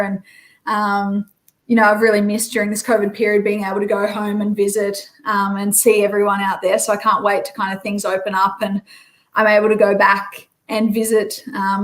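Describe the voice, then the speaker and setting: A woman's voice: medium pitch, rough recording. A woman in her thirties from Queensland with an Australian accent, chatting easily as a podcast guest with lots of ums. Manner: relaxed, many fillers. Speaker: guest, former rugby player. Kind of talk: podcast interview.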